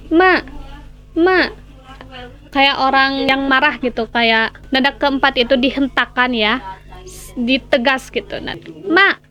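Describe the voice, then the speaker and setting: A woman with a slightly high voice teaches a casual lesson, chatty and explaining as she goes. She repeats sounds aloud to demonstrate them. The recording is a bit muffled, with faint music underneath. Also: a bit bright. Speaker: language lesson host.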